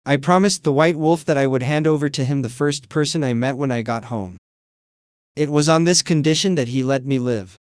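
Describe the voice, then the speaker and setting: A man's voice: medium pitch, brisk, smooth, dry recording, clean studio sound, natural voice. A man voicing a poor, frightened father pleading for his life in a storybook tale. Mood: sorrowful.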